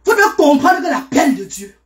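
A woman's voice: high-pitched, very animated, brisk. A woman talking live to her viewers in a casual stream, exclamatory and greeting people by name.

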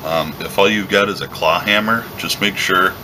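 Deep-voiced man explaining leather craft. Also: normal speed, noisy background. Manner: relaxed, step-by-step explaining while working. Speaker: leatherworking instructor. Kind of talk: hands-on craft tutorial. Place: workshop bench indoors.

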